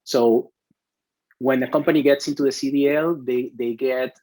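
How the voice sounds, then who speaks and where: A man's voice: mid-range voice, fairly even intonation, moderate pace, dark tone, no echo, poor audio. Venezuelan-born man, dry close voice. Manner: hesitant, many restarts and fillers. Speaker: CTO, interview guest. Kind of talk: conversational interview.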